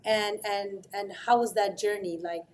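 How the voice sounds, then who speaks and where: A woman's voice: mid-range voice, steady tone, a little slow, slight background noise. A woman hosting a podcast interview, asking questions in an effusive, gushing way. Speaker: podcast host. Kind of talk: casual interview talk.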